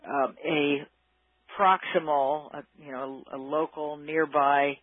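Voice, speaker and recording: Husky man explaining on a phone line. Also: a little high, fairly even intonation, takes it slowly, dry recording. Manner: thoughtful, explanatory, searching for words. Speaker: guest expert on workplace psychology. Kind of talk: conversational interview.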